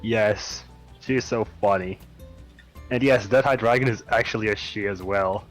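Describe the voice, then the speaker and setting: A man with a deep voice joins a casual group chat about games. His pitch sits low, and music plays in the background. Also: moderate pace.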